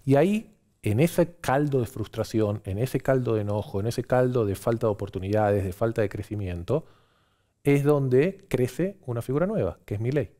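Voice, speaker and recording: A man's voice: medium pitch, lively intonation, normal speed, warm tone. A man with an Argentine accent, a pollster guest giving fluent political analysis on TV and listing his points one after another.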